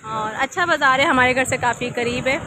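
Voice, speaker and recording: A woman's voice: high voice, brisk. Chatty Pakistani woman vlogging on phone. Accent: Pakistani Urdu. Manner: chatty, asks prices and comments on goods. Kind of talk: casual vlog narration. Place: outdoor market, then home room. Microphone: phone camera. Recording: noisy outdoor phone audio.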